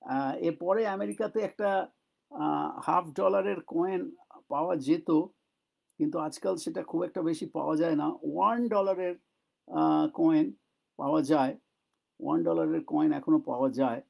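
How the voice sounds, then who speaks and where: A man whose first language is Bengali, teaching English in a casual lesson, explaining slowly and repeating English phrases for pronunciation. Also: on the high side, vocal fry, lo-fi sound. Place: living in the United States.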